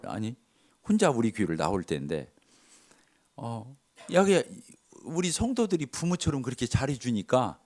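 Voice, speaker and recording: A middle-aged male pastor tells stories from his church in a sermon and acts out the dialogue. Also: medium pitch. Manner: animated, acts out dialogue with shifts of voice. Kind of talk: sermon storytelling.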